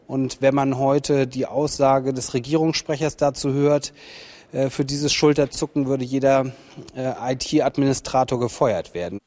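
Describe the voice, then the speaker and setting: A man's voice: medium pitch, steady tone, unhurried, a little mellow. Indignant man criticising the government. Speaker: opposition politician. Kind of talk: political statement.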